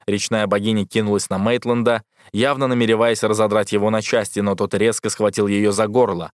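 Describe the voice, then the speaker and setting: A man narrates a fantasy novel in a low voice. His reading is steady and dramatic, and the sound is close and dry with no room around it. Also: a little fast, clear, resonant tone, no echo. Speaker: audiobook narrator. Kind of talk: scripted narration.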